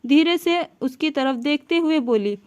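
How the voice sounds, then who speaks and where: A woman narrating a moral story from a script, her voice pitched high. She tells it gently and evenly, in a steady storyteller's rhythm. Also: unhurried.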